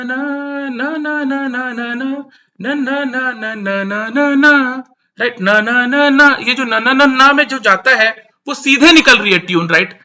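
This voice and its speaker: A man with a high, lively voice and a sharp, bright tone breaks down song lyrics in an emphatic commentary. He drives his points home by repeating them. His talk mixes English terms into Hindi. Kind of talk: explanatory commentary to camera.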